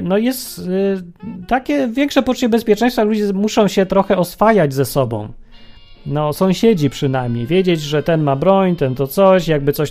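A man's voice: on the high side, a little mellow. Sarcastic Polish-talking radio host man. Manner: sarcastic, mocking, with exclamations. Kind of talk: opinionated radio monologue.

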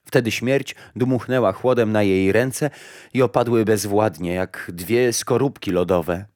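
A man narrating a fairy tale aloud in a slow, solemn storytelling manner. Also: lowish voice, darkish tone, no room sound, clean studio sound.

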